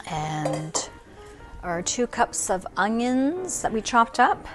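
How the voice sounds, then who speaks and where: A woman's voice: a little high, sing-song, slow, a bit bright, soft background music. A middle-aged woman hosting a cooking show in her home kitchen, explaining each step in a friendly way with a few fillers. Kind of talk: cooking demonstration.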